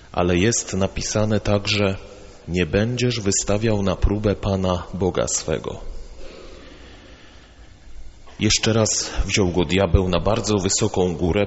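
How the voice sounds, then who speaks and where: Slow, deep-voiced man reading scripture. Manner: measured, solemn. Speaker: Gospel reader at Mass. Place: church. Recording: reverberant dull church sound.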